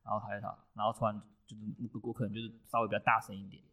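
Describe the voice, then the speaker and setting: A man's voice: on the low side, completely flat delivery, very fast, sharp tone. A man co-hosting a casual podcast chat, rambling with stammered restarts and bursts of laughter. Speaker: podcast co-host.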